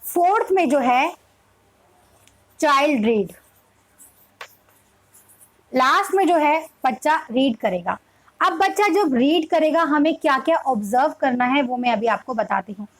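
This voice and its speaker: A woman teaching parents how to help children read, explaining step by step and slowly sounding out English sentences in an Indian accent. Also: sits high, animated, poor audio. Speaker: preschool teacher. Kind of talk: reading lesson for parents.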